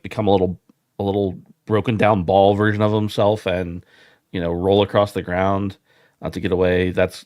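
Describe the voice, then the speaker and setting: A man's voice: lowish voice, no echo, studio quality. A man hosting a casual gaming podcast, easygoing and chatty. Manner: easygoing, chatty, frequent restarts. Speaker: podcast host.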